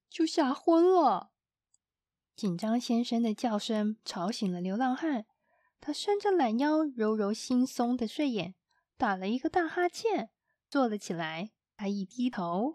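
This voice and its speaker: Lady reading a kids picture book aloud, warm soft tone, fairly high voice, dry close sound. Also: measured pace, dry recording. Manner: expressive, gentle storytelling. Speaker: storyteller. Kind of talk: children's storybook narration.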